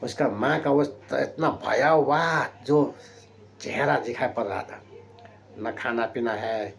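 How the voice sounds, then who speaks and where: A man's voice: medium pitch, slow, creaky, slight background noise. A man preaching a sermon in a storytelling way, often checking in with tag questions and swinging his voice up and down for emphasis. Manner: rising and dropping sharply for emphasis, frequent tag questions.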